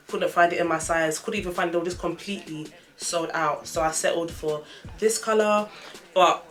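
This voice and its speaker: Lisping young woman, lowish voice. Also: fairly bright tone. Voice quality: lisp with whistling s from dental aligners. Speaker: vlogger reviewing trainers. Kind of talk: casual product-review vlog chat.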